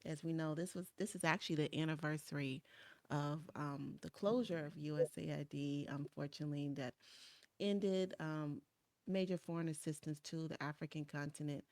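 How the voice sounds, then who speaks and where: A woman hosting an online interview from her home studio, upbeat and often pausing on "um". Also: sits low, steady tone, a little mellow, no echo. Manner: upbeat, frequent "um" fillers. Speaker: host. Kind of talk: webinar interview. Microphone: video call.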